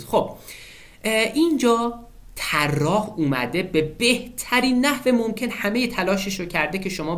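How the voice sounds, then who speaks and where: A fairly high-pitched man in his twenties walks students through an English exam-prep lesson in an animated way. He keeps checking in with "okay?", calls the students kids, and slows down to spell out English phrases.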